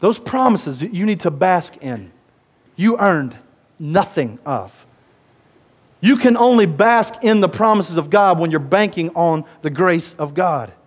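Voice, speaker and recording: A man preaching a sermon as pastor, lively and conversational, acting out the voices of characters and talking directly to the congregation. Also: high voice, a little slow, breathy edge. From United States.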